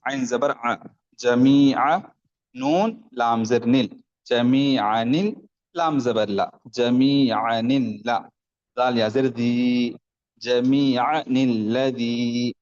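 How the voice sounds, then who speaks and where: A man leads an online Quran reading lesson, sounding out letters and vowel marks one syllable at a time. His delivery is slow and deliberate, and he breaks off now and then for brief rule explanations. The recording is muffled and lo-fi. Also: mid-range voice, steady tone, a little mellow.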